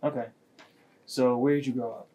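A man's voice: mid-range voice, fairly even intonation, moderate pace, dark tone, low-quality recording. A man interviewing a woman for an oral history, asking short, plain questions. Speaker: student interviewer.

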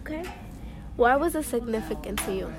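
A woman's voice: a little high, lively intonation, fairly quick. A woman interviewing someone, chatty and curious, asking follow-up questions. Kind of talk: casual interview. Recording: noisy crowd behind. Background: crowd chatter.

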